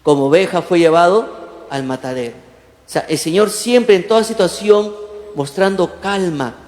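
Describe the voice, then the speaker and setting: A man preaching a lively sermon as pastor, often asking the congregation questions and acting out the quotes he tells. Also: high-pitched, normal speed. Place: church hall. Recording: echoey church hall, long reverb.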